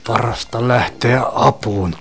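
A man voicing a cold, threatening faceless thug who speaks slowly and menacingly in a storytelling reading. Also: on the low side, pushed and bright, faint music behind.

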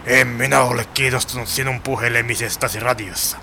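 A man's voice: medium pitch, fairly even intonation, vocal fry, pushed and bright, a little hiss or hum, pitched below the performer's own voice. A man playing a blunt small-time crook in an amateur radio play, grumbling in a dry way.

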